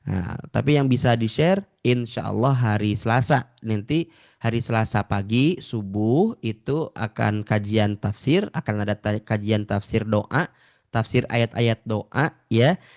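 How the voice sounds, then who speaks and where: A man teaching Quran recitation in an online class, patiently drawing out and repeating sounds for his students. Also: lowish voice. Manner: slow drawn-out model recitation, repeating sounds; patient, addresses listeners as ladies and gentlemen.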